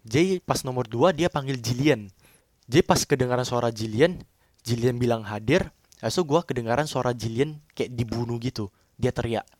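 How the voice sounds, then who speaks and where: A man's voice: medium pitch, normal speed, darkish tone, slight background noise. A young man telling a horror story in casual chat, rambling and repeating himself.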